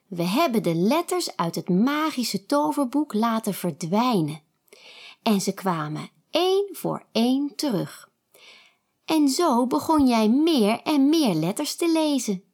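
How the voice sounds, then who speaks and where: A woman's voice: fairly high pitch, a little mellow, full character voice. A woman voicing a kind, cheerful green bookworm who helps a girl. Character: kind green bookworm, a young girl's friend.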